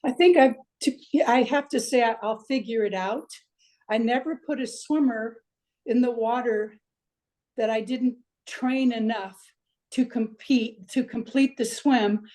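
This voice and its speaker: Older woman coach, mellow chatty voice. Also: fairly high pitch. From Iceland. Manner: reflective, chatty, with fillers. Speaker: swim coach. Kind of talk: interview over video call.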